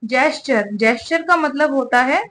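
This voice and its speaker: A woman's voice: high-pitched, unhurried, fairly bright tone. A woman teaching English vocabulary, spelling words out letter by letter and checking in with "ठीक है" over and over. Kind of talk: spoken English lesson.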